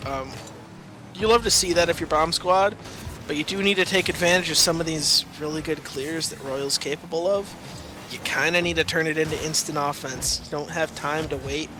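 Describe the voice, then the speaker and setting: A man's voice: fairly high pitch, normal speed, background noise. A young man giving analytical color commentary on an esports match, with frequent ums and easy laughter. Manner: analytical, filler-heavy, laughs easily.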